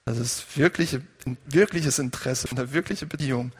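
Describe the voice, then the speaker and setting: A man's voice: mid-range voice, normal speed, slightly rough, big-room sound. A male pastor preaching a conversational sermon and putting questions to his congregation.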